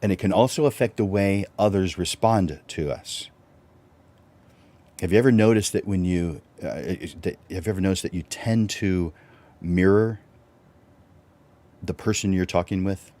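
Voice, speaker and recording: A man with a low voice hosting a live-stream teaching talk, relaxed and conversational, with fillers and restarts. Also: normal speed, long pauses. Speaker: host.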